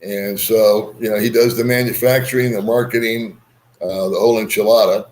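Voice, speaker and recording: A livestream host with a lowish, slightly mellow voice and fairly even intonation rambles at a normal pace, reading viewer comments and answering them with easygoing, chuckling banter. There's a little hiss or hum on the recording.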